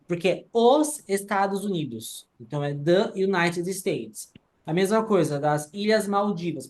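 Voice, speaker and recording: A teacher talks through grammar rules one at a time. The delivery is methodical, with frequent short check-ins to the class. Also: medium pitch. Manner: explains rules step by step, often ends with "tá?". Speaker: English teacher.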